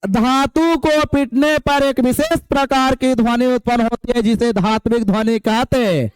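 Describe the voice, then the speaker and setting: A man's voice: very high voice, fairly even intonation, measured pace, clean tone, dry recording. A young man teaching a class, repeating each definition and quizzing his students with folksy asides. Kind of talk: classroom lecture.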